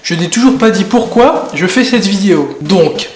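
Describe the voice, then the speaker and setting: Young male vlogger, high-pitched, rambling and goofy, echoey room with faint music. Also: animated, normal speed. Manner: goofy, rambling, jumping from topic to topic; bursts loud at times. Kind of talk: rambling comedic vlog.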